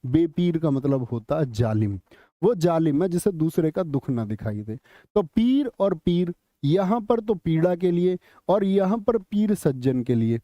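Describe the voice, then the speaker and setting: A man teaching an exam-prep class online, quizzing students with repeated questions and slowly chanting lines of poetry. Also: a little high, sing-song, warm tone, dry recording. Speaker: Hindi teacher.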